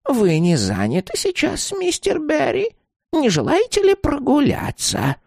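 A man voicing a cool, scheming old woman landlady who talks slowly and sweetly with a threat underneath. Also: very high-pitched, wildly swooping pitch, vocal fry, darkish tone, no echo, clean studio sound, voice pushed up, full character voice. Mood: sly.

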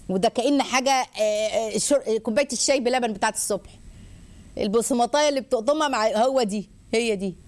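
A woman with an Egyptian Arabic accent hosting a religious advice talk, lively and rhetorical, listing points and mimicking people. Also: fairly high pitch. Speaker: host.

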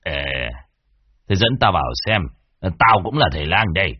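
A man's voice: low voice, expressive, normal speed, slightly rough, no echo. A man voicing a smug, coarse village healer in an audio story, brusque and self-assured. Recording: dull lo-fi dry recording.

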